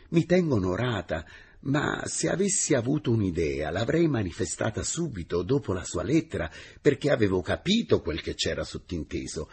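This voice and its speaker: A man voicing a proud, frank young schoolmistress who speaks in a firm, measured, sincere way. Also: sits low, darkish tone, husky, heavily acted.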